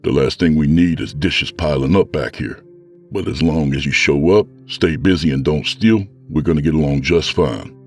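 A man's voice: a bass voice, moderate pace, faint music behind. A man voicing a blunt, matter-of-fact male kitchen sergeant laying down rules.

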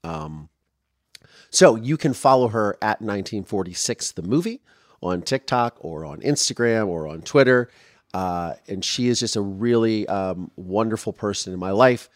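A man's voice: fairly low pitch, animated, normal speed, dry recording, studio quality. A man in his thirties hosting a podcast, talking casually and rambling with fillers and restarts, openly emotional at times. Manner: openly emotional, voice softening when moved. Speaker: podcast host.

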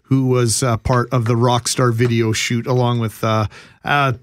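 A man's voice: medium pitch, level tone, normal speed. A man hosting a radio show, casual and teasing with his co-hosts and guests in the studio. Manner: joking, teasing. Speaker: radio host. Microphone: studio microphone.

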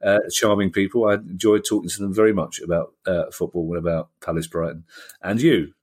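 Deep-ish guy hosting a pod, joking around, chatty banter. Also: steady tone, darkish tone, slightly rough. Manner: jokey, chatty, quick banter with laughs. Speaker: podcast host. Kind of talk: casual podcast chat.

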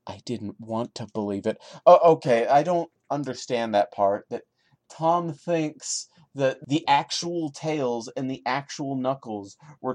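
A podcast host reads a horror story dramatically, throwing in sarcastic, mocking asides in a theatrical manner. His medium-pitched voice has a darkish tone, recorded in clean studio sound with no echo.

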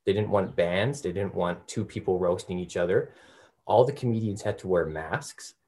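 A man's voice: low voice, normal speed, dark tone. A man speaking as a comedian guest in a casual interview, griping in a wry, blunt way.

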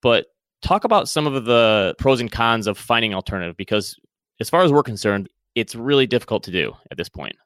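A man's voice: mid-range voice, lively intonation, a little fast, fairly bright tone, dry recording, clean studio sound. A man hosting a podcast interview, putting questions in a conversational style.

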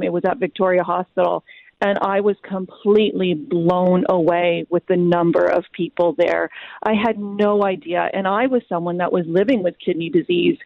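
A woman's voice: on the low side, vocal fry, no room sound. A Canadian woman in her forties, a guest speaking earnestly with frequent ums in an interview over a tinny phone line.

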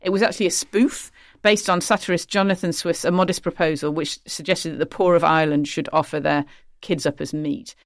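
Brisk woman host. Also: low voice, fairly even intonation, dry recording, clean studio sound. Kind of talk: hosting a panel chat.

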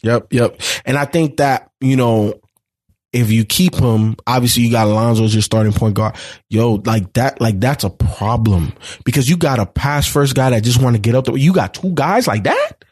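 A man co-hosting a sports podcast, talking excitedly about players and loudly agreeing with the others. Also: medium pitch, normal speed, slightly rough. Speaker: podcast co-host. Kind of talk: casual sports debate.

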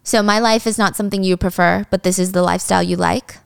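A woman's voice: medium pitch, fairly even intonation, fast talker, creaky, clean tone, dry recording, studio quality, natural voice. A woman voicing a blunt, angry young woman who pushes back hard, in a drama recap. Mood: indignant. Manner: sharp, indignant.

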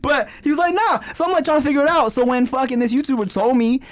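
A man co-hosting a podcast, telling a story in animated casual chat and swearing freely. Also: extremely high pitch, very fast. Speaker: podcast co-host.

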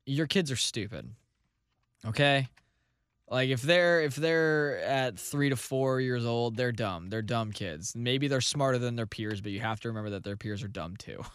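Male podcast co-host, young, forceful and bright with a hoarse edge, brash comedic chat, dry sound. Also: mid-range voice, normal speed, no echo. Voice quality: hoarse, worn voice. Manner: brash, sweary, joking.

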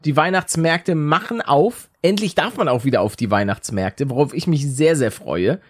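High-voiced jokey young man chatting. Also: lively intonation. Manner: rambling, jokey, quick to laugh. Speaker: podcast co-host. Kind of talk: casual comedy podcast chat.

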